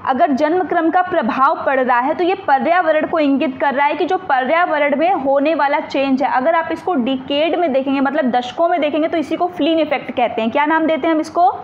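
A woman with a high voice explains exam answers one by one, often asking a question and answering it herself. She reads the English question text slowly and carefully. The recording sounds dull and muffled, with a faint hiss underneath. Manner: explains step by step, asks and answers her own questions. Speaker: teacher. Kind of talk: exam question walkthrough lesson.

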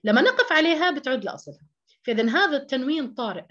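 A woman's voice: sits high, big pitch swings, racing, a bit bright, dull audio. A woman teaching an online tajweed lesson, explaining step by step, repeating key terms and asking rhetorical questions. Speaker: Quran recitation teacher.

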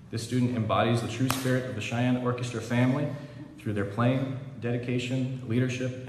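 Brisk man reading awards in a hall. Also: fairly low pitch, slight background noise. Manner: brisk, fast listing of names. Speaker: orchestra director. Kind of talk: reading awards at a school concert. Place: large school theatre. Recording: echoey hall from far off.

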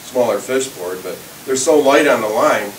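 A man's voice: mid-range voice, lively intonation, moderate pace, echoey room, far from the mic, slight background noise, poor audio. A man in his thirties demonstrating fishing tackle in an indoor shop, explaining step by step with frequent restarts. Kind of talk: casual product demonstration.

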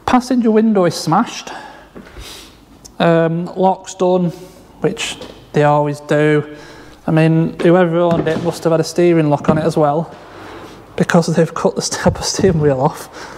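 A man with a fairly high voice talks his way around a wrecked car, rambling, hesitant and restarting his sentences as he goes. He is in a big workshop garage, recorded on a handheld camera, and his voice rings with a long echo. A faint hum of ambience sits underneath. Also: unhurried, pauses often, a little mellow. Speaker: car salvage vlogger. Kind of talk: casual walkaround commentary.

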